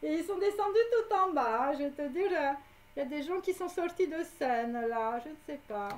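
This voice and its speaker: Woman psychic, high voice, rambling, fillers, talks straight to viewers. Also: expressive, fairly quick, slight background noise. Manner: rambling, many fillers and tag "hein"; speaks directly to viewers. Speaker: psychic reader. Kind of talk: live clairvoyant prediction.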